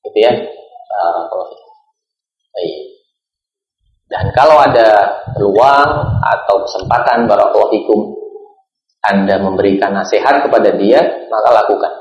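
A man giving a religious lecture, asking and answering his own questions and repeating a set blessing between phrases. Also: fairly low pitch. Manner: repeats a set blessing, slow pauses, asks and answers himself. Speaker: preacher. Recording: roomy, dull lo-fi recording.

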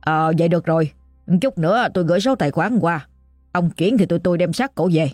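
A ruthless, greedy middle-aged boss who talks in rapid, gruff bursts, as a woman puts him on. Low and husky, with a dark tone. A faint music bed runs beneath. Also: natural voice. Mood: smug.

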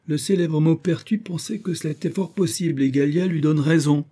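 A man's voice: on the high side, fairly quick, mellow, voice pushed up, natural voice. A man voicing a cantankerous, proud old astronomer professor who lectures precisely, stressing each syllable. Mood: lecturing.

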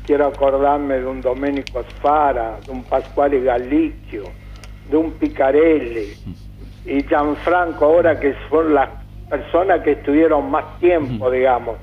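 A man's voice: mid-range voice, fairly even intonation. Older Italian-born man on a tinny line. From Italy, Calabria. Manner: halting, full of "digamos" fillers. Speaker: guest. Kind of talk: reminiscing radio interview. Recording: tinny phone-like radio sound.

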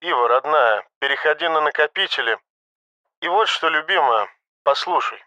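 A man voicing a quiet, calm doomed engineer. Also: on the high side, a little fast, no room sound, muffled recording. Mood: tender quiet. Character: calm doomed young male ship engineer.

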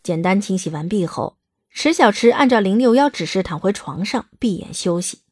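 A woman's voice: medium pitch, lively intonation, moderate pace, darkish tone, dry recording, studio quality. A woman reading scripted narration as the narrator of a dramatised audiobook.

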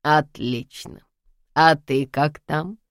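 A sharp-tongued grandmother in her later years, voiced by a woman reading a storybook. She speaks slowly and tartly in a low register. The sound is dry and close to the mic. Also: fairly even intonation, no echo. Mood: sarcastic. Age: over 60 (figure). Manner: slow, clipped, tartly sarcastic. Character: elderly grandmother, stern, sharp-tongued, commanding.

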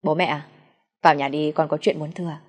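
A polite young man pleading with his parents, read by a woman narrator. The voice is low and deferential. It is an audio storybook reading. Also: fairly even intonation, a little fast, breathy edge.

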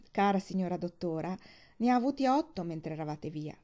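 A woman's voice: fairly low pitch, lively intonation, moderate pace, dark tone, lo-fi sound, lightly acted. A woman reading aloud voices a fussy housekeeper telling her worries in a gossipy, dramatic way. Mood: fretful.

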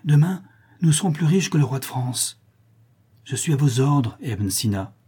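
A man's voice: mid-range voice, moderate pace, mellow, breathy edge, natural voice. A man voicing a fervent, greedy young male disciple of an alchemist, in an imploring, feverish manner. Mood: eager. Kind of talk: audiobook character reading.

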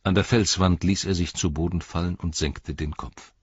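Deep, husky male audiobook narrator. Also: fairly even intonation, normal speed, no room sound, muffled recording. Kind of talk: scripted narration.

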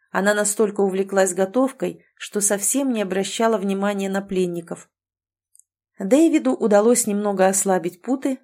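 A woman narrating a story in a steady, scripted storytelling delivery. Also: mid-range voice. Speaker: audiobook narrator.

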